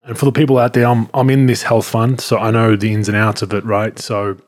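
A man hosting a casual podcast, a former pro player, explaining things in a relaxed way. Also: on the low side, brisk. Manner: relaxed explaining, laughs easily.

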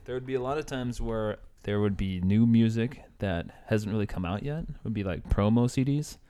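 A man's voice: on the low side, moderate pace, mellow, clear, resonant tone. A man in his thirties, a podcast guest, chatting casually in a laid-back, rambling way with frequent laughs. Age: 30s. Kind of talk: casual chat.

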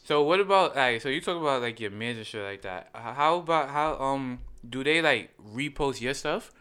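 A man hosting a casual podcast chat, slangy and excitable, with stop-start phrasing. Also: medium pitch, normal speed, smooth. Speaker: podcast host.

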